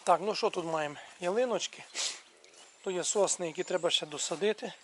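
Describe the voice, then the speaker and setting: A man with a fairly high voice ambles around his rural yard and garden, talking casually to the viewers. He keeps pointing things out as he walks. Faint birdsong and outdoor sounds carry softly behind him. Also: fairly quick, slight background noise. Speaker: video blogger showing his village yard. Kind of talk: casual walk-and-talk video commentary.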